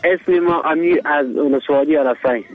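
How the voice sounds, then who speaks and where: A man's voice: fairly high pitch, dry recording, faint music behind. A man calling into a radio show, greeting everyone formally. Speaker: radio caller. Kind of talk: phone-in call. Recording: tinny phone line.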